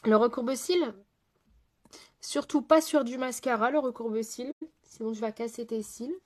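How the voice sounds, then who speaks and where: A woman's voice: a little high, normal speed, darkish tone. A woman makeup artist chatting casually through a live makeup tutorial, answering viewers' comments as she works, with lots of fillers and sentences that trail off.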